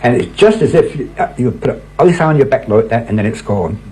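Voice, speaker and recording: Husky older storyteller, a man. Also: medium pitch, expressive, fairly quick, darkish tone, poor audio. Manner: earnest, repeats "he said" and "she said" as he acts out reported talk. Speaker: local resident and court usher telling his experiences. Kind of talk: anecdotal storytelling.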